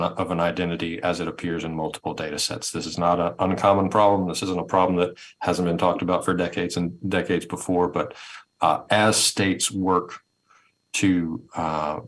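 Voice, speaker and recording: Over a video call on a headset or laptop mic, a man with a low, deep voice presents a webinar. He's conversational and thoughtful, circling back and repeating words as he builds each point, at a moderate pace with little pitch movement.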